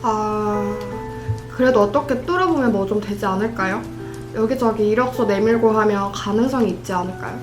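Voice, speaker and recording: A woman's voice: mid-range voice, normal speed, music in the background, close to an everyday voice, poor audio. A woman in her twenties voicing a hopeful young student asking for job advice, eager but a little unsure. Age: 20s.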